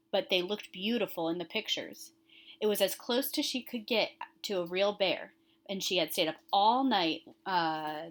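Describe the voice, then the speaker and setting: Using a medium-pitched, fairly bright voice, a teacher talks straight to her young students, reading each question and its answer choices aloud. She leans on the important words and walks the children through every item.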